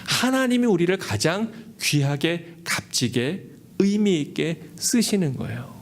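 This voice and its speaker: Korean pastor guy, high-ish voice, earnest sermon, keeps asking the room questions. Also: animated, unhurried, a little hiss or hum. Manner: earnest, asks the congregation questions. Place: church service held in a cinema hall.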